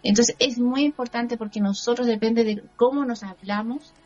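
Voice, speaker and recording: A woman with a Chilean Spanish accent coaches her listener in a fairly high voice, keeping her tone earnest and encouraging. She keeps checking that she is understood. The recording sounds a little muffled, with quiet music underneath. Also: normal speed. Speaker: personal growth coach. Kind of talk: motivational talk show chat.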